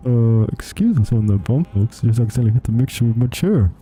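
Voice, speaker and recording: A man putting on the voice of an airline pilot making a cabin announcement, speaking close into his microphone with a drawn-out "uh". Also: medium pitch, animated, warm tone, soft background music, voice pushed down, natural voice. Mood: calm, official. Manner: muffled pilot voice, mouth close to mic, drawn-out "uh". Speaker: flight sim streamer.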